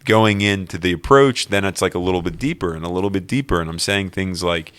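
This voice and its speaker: Low-voiced man telling a personal story. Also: a little fast. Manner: earnest, animated storytelling. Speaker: guest.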